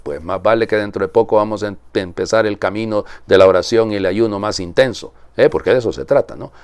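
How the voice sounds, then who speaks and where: A man's voice: lowish voice, fast talker, a little mellow, clear, resonant tone, dry recording. A man, a priest reading the Gospel and preaching in a chatty homily with frequent rhetorical questions. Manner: conversational, asks rhetorical tag questions.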